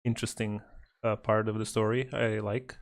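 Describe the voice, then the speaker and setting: A man's voice: fairly low pitch, normal speed, vocal fry. A man co-hosting a casual podcast, talking in a rambling, hesitant way with many restarts and fillers, laughing often. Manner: laughs often, animated when mimicking quotes. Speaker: podcast co-host. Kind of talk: casual chat.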